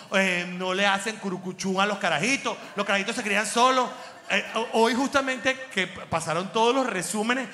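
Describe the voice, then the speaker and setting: A man delivering an animated, slangy comic monologue as host, mocking and laughing through his jokes. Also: sits high. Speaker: comedian host. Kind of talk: stand-up style comic monologue. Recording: echoey room with long reverb.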